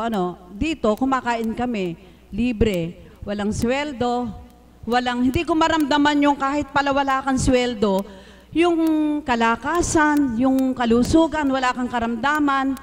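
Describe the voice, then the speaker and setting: A man from the Philippines giving an earnest, emotional religious testimony, speaking politely and respectfully to a congregation. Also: high-pitched. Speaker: church member giving testimony. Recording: live stream recording.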